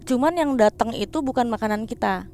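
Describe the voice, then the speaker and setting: Higher-voiced young woman telling a lively story. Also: fairly quick, a little hiss or hum. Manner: lively, acts out quoted people in changed voices; mixes casual slang and English words. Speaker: guest storyteller. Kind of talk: casual storytelling of a ghost experience.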